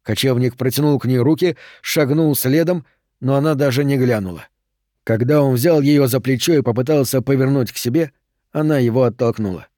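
An audiobook reader narrates a novel from a script in a measured, even storytelling style. His voice is mid-range, and the recording is dry with clean studio sound.

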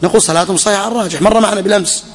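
A man's voice: sits high, rapid-fire, slight background noise. A man teaching a class on a legal text, questioning his students and repeating key phrases. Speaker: religious teacher. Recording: echoey hall.

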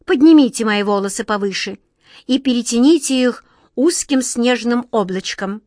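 A woman reading a fairy tale aloud and voicing a haughty, impatient wind queen of ice who draws out her words and speaks louder than her narration. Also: expressive, no echo, studio quality, close to an everyday voice. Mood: commanding. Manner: imperious and shrill, drawn-out words.

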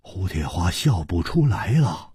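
Raspy guy narrating a wuxia tale, voice swoops a ton. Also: sits low, very animated, measured pace, warm tone, dry recording, clean studio sound. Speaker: storyteller. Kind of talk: Chinese storytelling narration.

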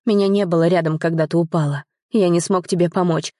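A woman reading the lines of a young man, a tender, guilt-ridden lover, in a soft, pleading, earnest way. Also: fairly low pitch, steady tone, fast talker, no room sound, studio quality, lightly acted.

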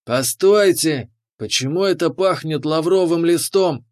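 Gruff male lizard mercenary, voiced by a male reader: hissing, drawn-out, raised voice. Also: fairly high pitch, pitched above the performer's own voice, natural voice. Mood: outraged. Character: scarred alien lizard arms buyer, male, gruff.

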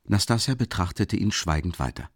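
Low-voiced man narrating an audiobook. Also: big pitch swings, brisk, no echo, studio quality. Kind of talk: scripted narration. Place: recording studio.

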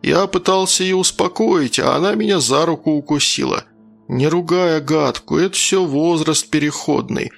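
A man voicing a sly middle-aged stepfather who speaks in a falsely gentle, coaxing way, in an audiobook. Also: on the high side, moderate pace, vocal fry, faint music behind.

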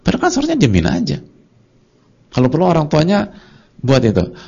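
Male preacher, gravelly husky voice, lively swooping delivery, colloquial lecture, dull lo-fi recording. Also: fairly high pitch, brisk. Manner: lively storytelling, acting out short dialogues; colloquial and conversational. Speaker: Islamic preacher.

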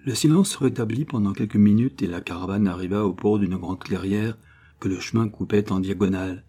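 A male narrator reading a classic novel in a measured, literary way. His voice is low and dark, with a husky grain that stays through the reading. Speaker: audiobook narrator. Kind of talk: scripted narration.

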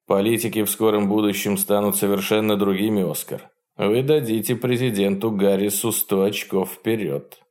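A man's voice: fairly low pitch, little pitch movement, normal speed, darkish tone, close to an everyday voice. A man reading as a dry, paranoid political leader. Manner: dry, faintly ironic tone.

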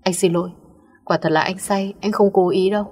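A woman's voice: mid-range voice, steady tone, normal speed, a little mellow, lightly acted. A woman voicing a drunk, remorseful young man who pleads and repeats himself.

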